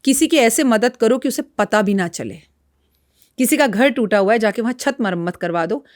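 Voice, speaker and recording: A woman's voice: a little high, lively intonation, normal speed, dry recording, clean studio sound. A woman astrologer speaking as a podcast guest, frank and lecturing in a blunt, outspoken way. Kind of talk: podcast interview talk.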